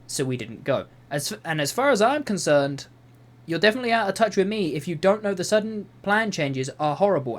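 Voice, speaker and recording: Exasperated young man, lively pitch. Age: young adult. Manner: exasperated, swears often, rambling asides. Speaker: YouTuber. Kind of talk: reading reddit posts with commentary. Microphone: voice-over over gameplay footage.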